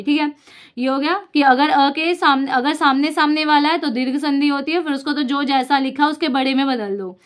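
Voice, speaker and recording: A young woman with a high voice gives a casual lesson, tackling examples one after another and answering each question she asks.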